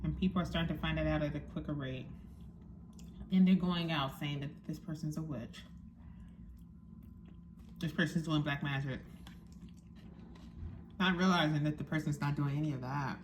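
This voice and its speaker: A woman's voice: low-pitched, steady tone, moderate pace, pauses often, slight background noise. A young woman chatting casually to her viewers, talking while she eats, frank and musing. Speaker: vlogger. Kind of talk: casual chat to camera.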